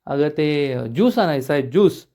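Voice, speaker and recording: Brief: stubborn boastful old man, voiced by a man, brushes off worry, slightly high voice. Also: expressive, normal speed, dark tone, natural voice.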